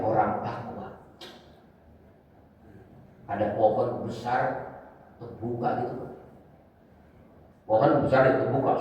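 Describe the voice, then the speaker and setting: Echoey preacher in a large hall. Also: male voice, far from the mic. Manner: swings between loud exclaiming and hushed low asides; addresses listeners as Pak, colloquial. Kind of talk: informal sermon storytelling.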